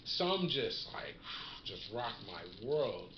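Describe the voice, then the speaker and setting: A man's voice: mid-range voice, drawn-out words. Laid-back man reviewing cannabis, roomy sound. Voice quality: slangy, relaxed, savoring. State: smoking while talking. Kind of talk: casual strain review vlog. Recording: roomy, dull lo-fi sound with faint noise.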